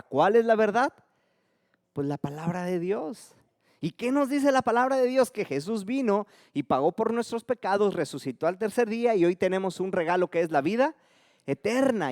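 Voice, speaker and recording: A man preaching a sermon as pastor, swinging between loud emphatic calls and soft, dropped lines. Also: a little high, no echo, clean studio sound.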